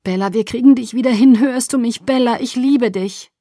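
A woman's voice: a little high, normal speed, mellow, dry recording, clean studio sound, pitched above the performer's own voice, lightly acted. A woman voicing an anxious, tender young male vampire who pleads urgently. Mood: anxious comfort.

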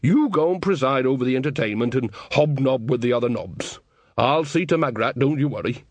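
A man's voice: medium pitch, expressive, fairly quick, no room sound, natural voice. A man voicing an earthy, shrewd old woman witch who talks in a folksy, blunt, teasing way. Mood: wry. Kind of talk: audiobook character reading.

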